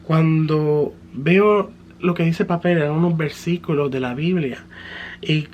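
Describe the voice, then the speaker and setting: A man's voice: fairly high pitch, measured pace, dull audio, a little hiss or hum. A man giving a personal religious testimony in an earnest, fervent way, slipping English words into his story.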